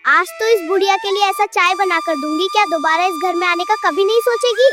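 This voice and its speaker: A woman's voice: very high voice, brisk. A woman voicing a cheeky, scheming young daughter-in-law in a cartoon, with children's music behind her. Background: children's background music.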